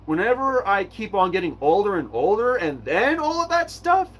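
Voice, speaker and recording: A man hosting a live stream Q&A, reading chat messages aloud and answering in a halting way, repeating himself often. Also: high-pitched, sing-song, fairly bright tone, slight background noise.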